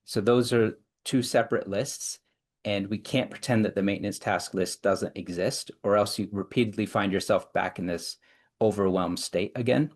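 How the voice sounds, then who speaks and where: A man, a psychologist and coach, explaining ideas in long, measured answers with frequent restarts. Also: fairly low pitch. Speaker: clinical psychologist and executive coach, guest. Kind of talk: explanatory interview talk.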